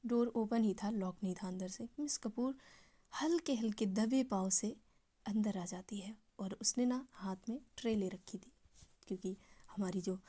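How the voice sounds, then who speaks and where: Mellow chatty woman storyteller. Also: mid-range voice, husky. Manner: chatty, often drops to a soft near-whisper. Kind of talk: casual storytelling narration.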